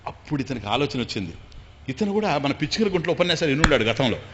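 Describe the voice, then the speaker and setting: Male spiritual speaker telling a story with lively acting; muffled hall sound, faint noise. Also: mid-range voice, rapid-fire. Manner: animated, acting out every character. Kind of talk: storytelling discourse.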